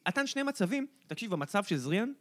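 A man co-hosting a casual sports podcast, telling animated stories and acting out what people said. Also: sits high. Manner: animated storyteller who acts out quoted remarks. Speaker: podcast co-host.

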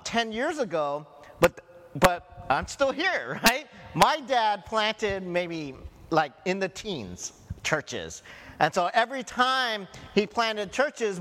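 Preaching in a church hall with a long reverb, a middle-aged pastor from the United States talks in a high-pitched, fairly bright voice. His sermon is conversational, dotted with frequent "right?" asides.

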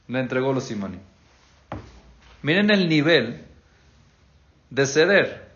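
A rabbi leads a Torah class, firing questions at his students and voicing the people in the story. His voice sits a little high for a man. The recording is dull and lo-fi. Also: fairly bright tone. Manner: questions the class and acts out the figures' words. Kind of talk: interactive religious lesson.

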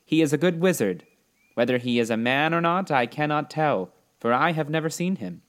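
A kindly little old woman played by a man, the good witch of a storybook. The voice is lifted a little and speaks with solemn, gentle reassurance. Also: a little high, lively intonation, moderate pace, voice pushed up, natural voice. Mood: kindly, reassuring. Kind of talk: storybook character reading.

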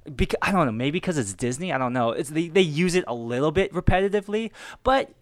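A man's voice: fairly high pitch, animated, fast. A young man arguing his side of a film debate in a casual, rambling way, swearing freely and acting out his reactions. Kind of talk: animated casual debate talk.

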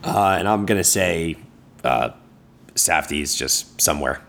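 A man's voice: low voice, lively intonation, measured pace, vocal fry, fairly bright tone, slight background noise. A man with a hungover voice hosting a podcast, casual and hesitant as he wraps up the show. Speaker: podcast host.

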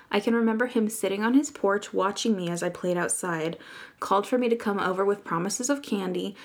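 A woman hosting a podcast, reading out listener stories in an informal way with amused asides. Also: medium pitch.

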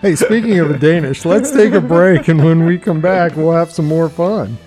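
A man's voice: on the high side, normal speed, music in the background. A man hosting a casual podcast, steering the talk from one segment to the next. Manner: steady, leads the segments. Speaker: podcast host. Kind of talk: casual chat.

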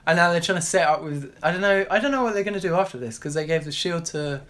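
A man's voice: on the high side, lively intonation, fast talker, fairly bright tone. A man in a casual, heated film debate with friends, blunt, opinionated and sweary, sounding hungover.

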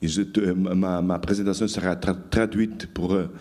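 A man's voice: deep voice, fairly even intonation, normal speed, a little mellow. A man whose first language is Portuguese, opening his panel talk in hesitant French and searching for words. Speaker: panel speaker. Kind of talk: halting conference remarks.

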